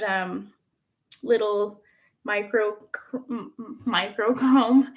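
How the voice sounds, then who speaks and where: A woman from Canada chatting casually on a live stream at home, rambling with lots of fillers, recorded on a phone's front camera. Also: fairly high pitch. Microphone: phone front-facing camera.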